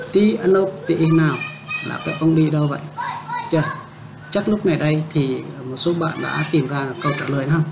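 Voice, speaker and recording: A man teaching a casual language lesson. He patiently repeats words slowly and keeps checking that listeners understand. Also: a little high, creaky. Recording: dull lo-fi with faint background noise.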